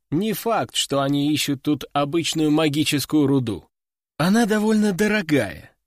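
A man's voice: on the high side, no room sound, clean studio sound. Man narrating a wry adventure story. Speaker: audiobook narrator. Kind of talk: scripted fiction narration.

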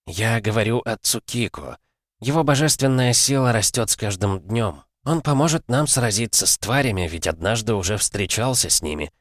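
An older man voices a stern old clan head who talks in a grave, commanding manner. His fairly low voice, pitched above his natural one yet close to everyday speech, has lively intonation and a moderate pace, recorded studio-clean with no echo.

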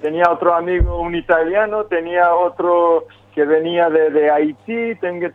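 A high-pitched, French-speaking man from Quebec, Canada, the singer of a metal band, gives a casual phone interview about his band over a telephone line. He talks haltingly and hesitantly, restarting often and using many fillers.

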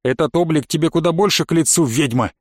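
A man voicing an angry, defiant young hero who hisses and shouts insults. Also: a little high, quick pace, no echo, clean studio sound, natural voice. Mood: angry defiance.

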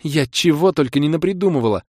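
A man's voice: a little high, lively intonation, dry recording, studio quality, pitched above the performer's own voice. A man reading an audiobook voices a hot-tempered young woman who scolds her boyfriend, then teases him. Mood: indignant. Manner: indignant, scolding, quick to forgive. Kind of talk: audiobook character voice.

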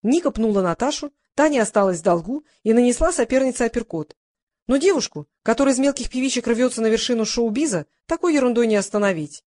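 Lively woman narrating a comic tale. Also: fairly high pitch. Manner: brisk, lively storytelling. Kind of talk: humorous audiobook narration.

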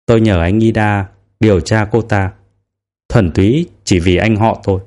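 A man reads as a young man in an audiobook, earnest and a bit guarded, with a somewhat low voice. He speaks plainly and carefully, weighing each word. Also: steady tone, normal speed, a little mellow, close to an everyday voice. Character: young man, wary and candid. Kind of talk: audiobook character reading.

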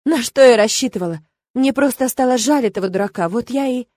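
A woman's voice: fairly quick, a little mellow, no echo, close to an everyday voice. A woman voicing a young, hot-tempered and easily offended girl who bursts out indignantly in an audiobook. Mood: self-pitying. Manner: shrill indignant outbursts. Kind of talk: audiobook character voice.

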